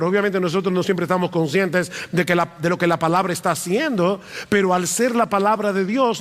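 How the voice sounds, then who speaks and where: A man with a high voice preaches from the pulpit, stressing his points by repeating them. His words ring out with a long reverb, as in a large church hall. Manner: emphatic, repeats key phrases for stress. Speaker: pastor. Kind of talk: preaching a sermon.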